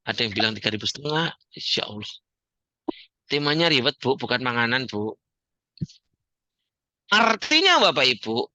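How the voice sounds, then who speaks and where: A man giving a joking, animated motivational talk to an audience as the founder of a community. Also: mid-range voice, no echo. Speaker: founder and coach of a debt-free community.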